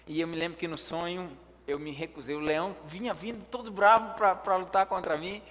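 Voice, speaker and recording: A man with a high voice preaches in a church hall where the sound rings in a long echo. He tells a personal story in a vivid way and acts out what he said. He speeds up in the action and goes quiet in prayer. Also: a little fast. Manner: vivid storytelling that acts out his own words; lively when telling the action, hushed in prayer. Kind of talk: storytelling sermon. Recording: echoey hall reverb.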